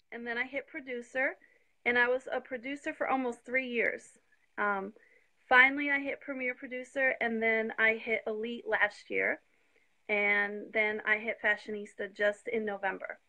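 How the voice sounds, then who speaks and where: A woman in her fifties, a guest on a live video interview, telling her story eagerly and sounding slightly out of breath on a phone call. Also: a little high. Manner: eager, talks fast when excited.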